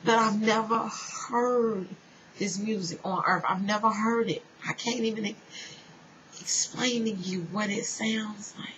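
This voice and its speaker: A woman giving an earnest personal spiritual testimony, speaking straight to her listeners and dropping now and then to a soft whisper. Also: mid-range voice, fairly even intonation, measured pace. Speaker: spiritual storyteller. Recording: dull lo-fi sound with faint noise.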